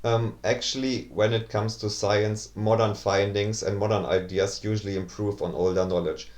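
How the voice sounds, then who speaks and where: A man's voice: fairly low pitch, little pitch movement, normal speed, darkish tone. A man giving rebuttal commentary in a pedantic, sarcastic manner. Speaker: video commentator debunking claims. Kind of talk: rebuttal commentary over clips.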